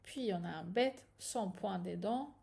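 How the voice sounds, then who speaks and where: A woman's voice: medium pitch, a little slow, creaky, warm tone. A woman teaching a patient, step-by-step reading lesson, often checking in with her students. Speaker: Hebrew teacher.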